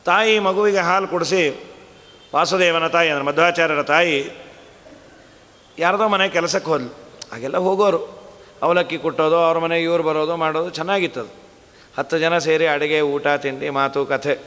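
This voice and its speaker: A man telling a devotional story in conversational speech and breaking into slow, melodic chanting of verses. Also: a little high, steady tone, fairly bright tone, in a large hall. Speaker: religious scholar and storyteller.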